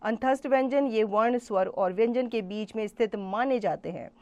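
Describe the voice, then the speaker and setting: A woman's voice: fairly high pitch, a little mellow. A woman teaching a school grammar lesson to children, spelling out letters one by one and asking the class questions. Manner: slow, careful explanation, spells out letters one by one; addresses children directly with questions.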